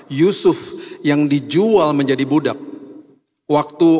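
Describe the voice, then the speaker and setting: A man pastor preaching a sermon with a hoarse voice, stressing key phrases slowly and emphatically. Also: on the high side. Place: church hall. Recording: long hall reverb.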